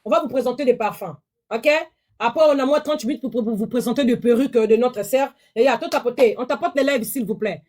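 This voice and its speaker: High-voiced woman selling live. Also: fast, mellow. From DR Congo. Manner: pleading, repetitive, chatty. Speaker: live-stream seller. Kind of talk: live-stream sales pitch.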